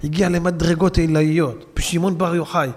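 A high-pitched male preacher delivers a sermon in a long-reverb hall. He tells his story with emphatic swings, rising to loud peaks and then dropping back to speak directly to the congregation. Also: little pitch movement, a little hiss or hum. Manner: addresses audience as "gentlemen". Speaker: rabbi preacher. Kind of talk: Hebrew Torah sermon.

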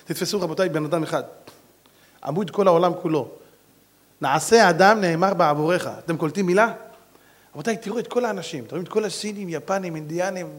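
Animated guy preaching, high voice, keeps asking the crowd questions, acts stuff out. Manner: animated, addresses the audience directly, acts out voices. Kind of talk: sermon with acted-out stories.

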